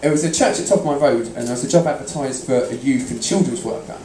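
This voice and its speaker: Chatty young stand-up comic, echoey room. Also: male voice, medium pitch, quick pace, mellow, slight background noise. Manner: chatty, bantering with the audience. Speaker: stand-up comedian. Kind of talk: live stand-up storytelling. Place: comedy venue in front of an audience. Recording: roomy live venue, distant mic.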